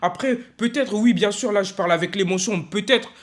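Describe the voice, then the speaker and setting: Frustrated young man ranting casually. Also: high voice. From France. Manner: frustrated, emphatic, halting with many fillers and restarts. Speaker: football vlogger. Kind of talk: casual video rant.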